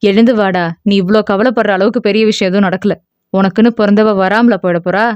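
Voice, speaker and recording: A woman voicing a firm elder brother in an audio novel who scolds and then calms his family. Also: a little high, fast, dry recording, dull audio, close to an everyday voice. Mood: placating.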